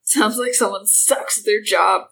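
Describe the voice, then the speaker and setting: Woman, tabletop player, bright tone, mid pitch, casual chat, inquisitive. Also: fairly even intonation, measured pace, vocal fry, breathy edge, low-quality recording.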